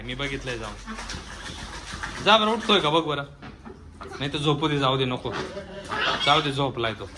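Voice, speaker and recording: In this casual home vlog, a man addresses viewers while scolding his children with a half-laugh. He speaks on the high side, and heavy background noise fills the indoor recording.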